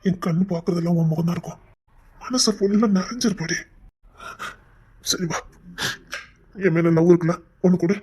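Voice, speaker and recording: A woman acting as a devoted young husband who teases his wife and then pleads his love in a soft voice. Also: lowish voice, normal speed, long pauses, slightly rough. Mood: tender. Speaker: actor in a romantic couple skit. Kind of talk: acted romantic dialogue.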